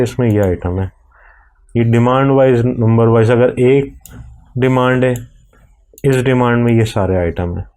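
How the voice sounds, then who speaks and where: Mellow-voiced man explaining software steps. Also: mid-range voice, clear, resonant tone. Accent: Urdu-Hindi speaking, Pakistani. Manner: slow, step-by-step explaining while clicking. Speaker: software tutorial presenter. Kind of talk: screen-recorded software walkthrough.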